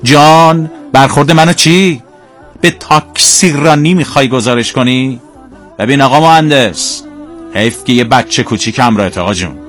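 A man voicing a rude, hot-tempered male taxi driver who yells and threatens in a raised, high-pushed voice. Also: soft background music, close to an everyday voice. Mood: angry shouting. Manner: aggressive, yelling, threatening.

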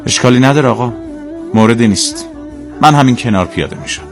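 A man doing a polite, formal, composed gentleman. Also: medium pitch, music in the background, pitched above the performer's own voice, close to an everyday voice. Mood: polite firm. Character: polite composed middle-aged male taxi inspector.

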